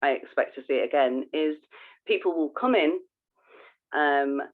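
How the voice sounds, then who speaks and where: This podcast co-host has a deep voice and speaks at a moderate pace. She explains things informally in casual conversation, often restarting sentences, and the audio sounds narrow, like a phone line.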